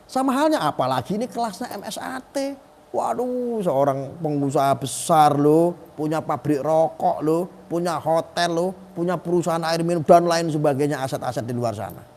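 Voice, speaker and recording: A man's voice: on the high side, normal speed, darkish tone, big-room sound, slight background noise. A middle-aged man giving emphatic live-stream commentary, asking rhetorical questions and acting out quoted voices.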